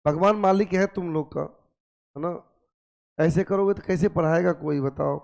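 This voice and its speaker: A man teaching a physics class, nursing a sore throat, coaxing and gently scolding his students with repeated questions. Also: high voice, normal speed, gravelly. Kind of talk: classroom lecture.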